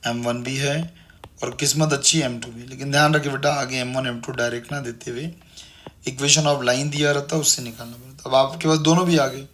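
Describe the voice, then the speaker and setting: Male math tutor, mid-pitched, repeats each step patiently. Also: steady tone, moderate pace, a bit bright, a little hiss or hum. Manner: repetitive, coaxing, calls students "beta". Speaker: math teacher. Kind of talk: online classroom lecture.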